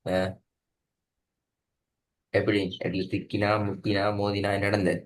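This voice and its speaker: A man's voice: lowish voice, monotone, unhurried. A man teaching Quran recitation in a one-on-one online lesson, patiently repeating points and checking understanding. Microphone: video call.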